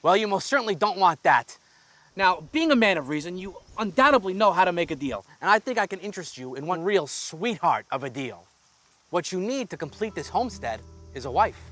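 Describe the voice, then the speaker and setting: An actor playing a sly, smooth-talking salesman and swindler with folksy, wordy, persuasive patter. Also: sits high, big pitch swings, a little fast, fairly bright tone. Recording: film soundtrack with faint music.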